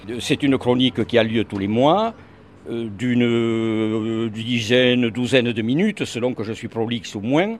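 A man's voice: mid-range voice, measured pace, a little hiss or hum. An older man with a regional French accent, a radio columnist in an interview, hesitant with many fillers but earnest and emphatic.

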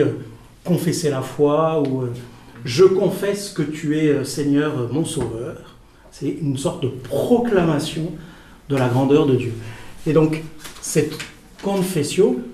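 Male speaker, teaching talk to an audience; halting, repetitive, asks questions; slightly high voice; roomy, off-mic sound with faint room noise. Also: darkish tone. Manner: halting, many fillers and repeated words, asks the audience questions. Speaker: teacher on prayer addressing a group. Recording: echoey room, voice from a distance.

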